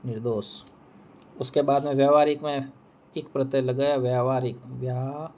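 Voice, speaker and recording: A man's voice: medium pitch, flat delivery, normal speed, darkish tone, highs cut off. A man teaching Hindi, walking through an exam answer key, who repeats each answer and asks and answers his own questions.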